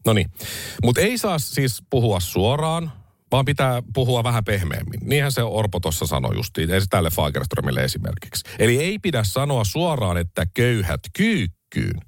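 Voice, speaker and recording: A man's voice: mid-range voice, very animated, no room sound, clean studio sound. A man hosting a podcast, delivering a sarcastic, mocking monologue on politics in a casual, conversational way. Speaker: podcast host.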